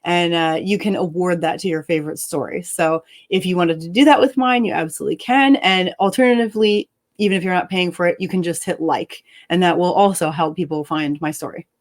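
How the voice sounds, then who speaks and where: A woman author reading her own story aloud and then chatting with her co-host, expressive and upbeat and quick to laugh. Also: on the low side. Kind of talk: dramatic story reading and casual chat.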